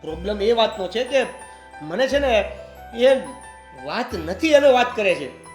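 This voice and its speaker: A man's voice: high voice, very animated, measured pace, soft background music. An actor playing an unemployed young man who complains sulkily about his sister-in-law. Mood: grumbling. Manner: sulky, complaining. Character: idle grumbling young man, unemployed son. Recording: echoey room.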